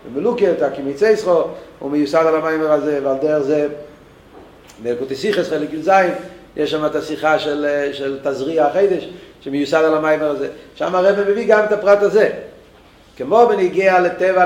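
High-voiced man teaching in an echoey room. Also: a little mellow. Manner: thinks aloud with many restarts. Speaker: Torah teacher.

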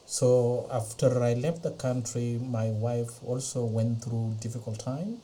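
A middle-aged man from Ethiopia, not a native English speaker, slowly recounting his life in a podcast interview with many pauses and fillers. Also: medium pitch, steady tone, warm tone, a little hiss or hum, rough recording. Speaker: interview guest. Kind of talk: slow personal testimony. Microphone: podcast interview mic.

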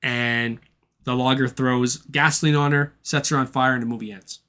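A man's voice: medium pitch, fairly even intonation, normal speed, sharp tone, clear, resonant tone. A man co-hosting a casual podcast, giving a loose, profane recap of a film's plot. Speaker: podcast co-host. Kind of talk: casual chat.

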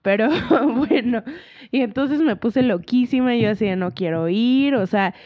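A woman's voice: on the high side, a little slow. A woman in her twenties with a Mexican Spanish accent, dramatically telling a story in casual chat and acting out her own reactions. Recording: muffled lo-fi audio.

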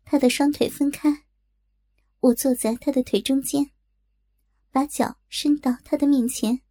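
A woman narrating a first-person audiobook story in a smooth, confiding way. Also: high voice, steady tone, unhurried, mellow.

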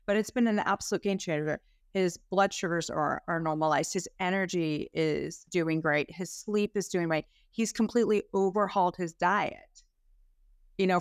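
A woman's voice: lowish voice, dry recording, clean studio sound. A woman health practitioner, a guest on a podcast interview, telling stories about her clients with enthusiasm.

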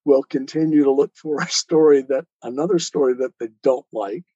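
Interviewed as a poet and author, this man explains things earnestly in a conversational way. His voice is medium-pitched, dark, and slightly rough, at normal speed, and the lo-fi recording sounds dull with no echo.

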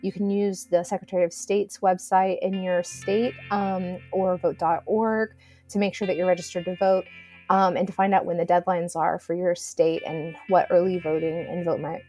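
A woman's voice: lowish voice, little pitch movement, moderate pace, warm tone, soft background music. A woman co-hosting a podcast, reading announcements in a friendly, chatty way. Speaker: podcast co-host.

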